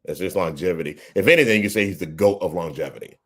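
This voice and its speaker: A man co-hosting a podcast, chatting casually about sports, laid-back and quick to laugh, often repeating his words. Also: sits low. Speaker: podcast co-host.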